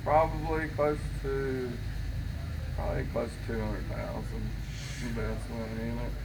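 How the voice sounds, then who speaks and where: A man's voice: mid-range voice, measured pace. A man giving an informal, folksy guided tour as a distillery owner, explaining things in a hesitant way. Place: inside a working distillery. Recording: loud machinery and room noise behind.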